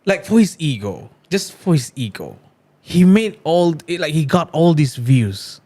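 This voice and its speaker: A man hosts a podcast in relaxed, friendly chat. His voice sits fairly high and jumps around a lot, and he teases his guest playfully. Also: unhurried. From Brunei. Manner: playful, teasing, uses "bro". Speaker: podcast host.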